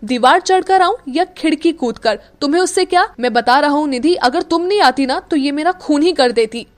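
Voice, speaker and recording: A woman's voice: very high-pitched, animated, moderate pace, pitched above the performer's own voice. A woman voicing a brash young man who snaps back indignantly and drops English words into his talk, in an audiobook. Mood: angry, indignant. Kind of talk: audiobook character voice.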